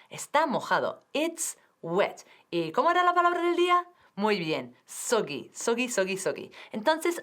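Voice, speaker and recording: A woman with a Spanish accent teaching English on TV, speaking slowly and clearly and drilling words. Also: fairly high pitch, a bit bright. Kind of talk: TV English lesson.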